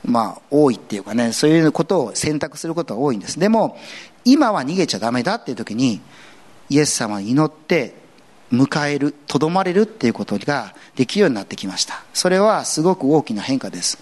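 A man pastor giving an earnest sermon in a conversational way, with casual asides mixed in. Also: quick pace. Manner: earnest, conversational preaching with lively swings in pitch.

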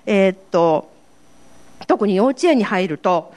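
A woman's voice: mid-range voice, expressive, slow pace, darkish tone. Candid Kansai woman giving church testimony. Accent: Kansai Japanese. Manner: candid, self-deprecating storytelling. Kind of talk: personal faith testimony to a congregation.

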